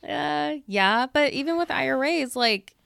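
A woman's voice: sits high, lively intonation, measured pace, creaky, a bit bright, dry recording, studio quality. Woman podcast host in her thirties, blunt. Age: 30s. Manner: laughing, blunt, swears freely. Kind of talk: casual chat.

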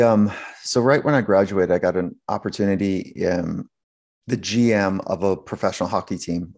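A man's voice: low voice, creaky. A man, a sports psychologist, telling a story in a casual interview, acting out quotes with lots of restarts. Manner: animated storyteller, acts out quotes, many restarts.

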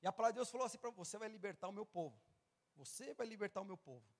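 A male pastor preaching at a youth event. He acts out the dialogue of Bible figures and of his listeners, building to loud, fervent passages. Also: sits high, lively intonation, racing, in a large hall. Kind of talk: sermon. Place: large church hall or event venue.

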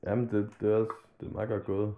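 A man with a fairly low voice talks in a loose, rambling way, dropping swear words into casual podcast chat. His voice comes through thin and boxy, like over a phone line. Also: flat delivery, background noise. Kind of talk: casual chat about hip-hop.

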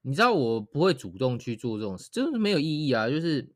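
A man's voice: medium pitch, sing-song, no room sound, studio quality. A young man co-hosting a casual podcast, bluntly and nonchalantly arguing his view. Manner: blunt, nonchalant, quick replies. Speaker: podcast co-host.

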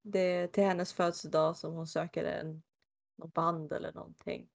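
A woman's voice: low voice, creaky. A woman casually retelling a TV episode scene by scene, acting out the characters' lines as she goes. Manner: animated retelling, acting out quotes.

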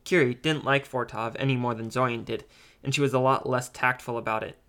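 Halting amateur audiobook narrator, a man. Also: medium pitch, steady tone, fairly bright tone. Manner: halting, with ums and self-corrections. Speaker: audiobook reader.

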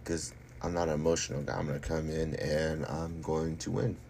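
A man with a very low voice talks himself up in a casual, cocky monologue, piling up repeated phrases for emphasis. His speech is slangy and boastful, with some noise behind him. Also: level tone, normal speed, creaky, darkish tone. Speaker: fighter. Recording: noticeable background noise.

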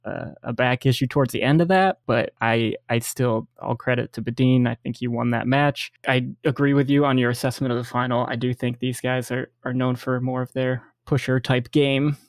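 An American man co-hosting a casual sports podcast, easygoing and quick to laugh, his sentences often trailing off softly. His mid-pitched voice has a gravelly, fry-tinged texture. The recording is dry and close. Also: fairly even intonation, no echo. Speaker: podcast co-host.

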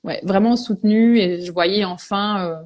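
A woman's voice: medium pitch, normal speed, darkish tone, highs cut off. Woman from Belgium, reflective and hesitant. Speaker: veterinarian guest. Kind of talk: casual podcast interview.

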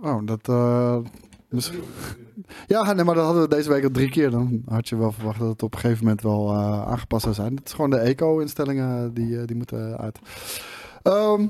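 Regular-pitched guy co-hosting a games talk show, upbeat, keeps pausing to find words, dry close mic. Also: warm tone, no room sound. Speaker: co-host of a gaming talk show. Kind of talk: casual chat.

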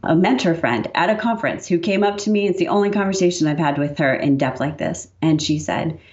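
A woman's voice: deep voice, brisk, a little mellow, highs cut off. A woman guest who writes and speaks, talking earnestly and reflectively in a casual faith conversation. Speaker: podcast guest, author and speaker.

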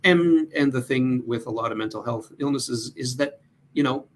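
A man's voice: medium pitch, normal speed, a little hiss or hum. A man speaking as a mental health guest in a casual interview, earnest and thoughtful, with frequent fillers.

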